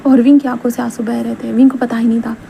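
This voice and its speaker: A woman's voice: a little high, flat delivery, quick pace, gravelly, mellow, slight background noise. A woman narrating a romance fanfiction story in a casual, conversational way, repeating phrases as she goes.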